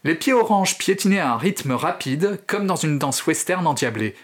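A man's voice: a little high, normal speed. Man reading a horror story with flair. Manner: expressive, theatrical storytelling. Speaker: narrator and host.

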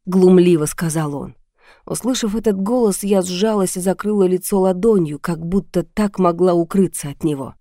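A woman reading a novel aloud in first person, in a measured, even storytelling manner. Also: on the low side, no room sound, clean studio sound. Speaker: audiobook narrator. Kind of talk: first-person audiobook narration.

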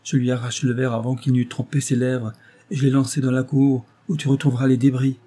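An anguished young nobleman, as a narrator puts him on, pleading and protesting in agitation. The voice is husky and mellow in tone. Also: medium pitch, level tone, fast talker, lightly acted. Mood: desperate.

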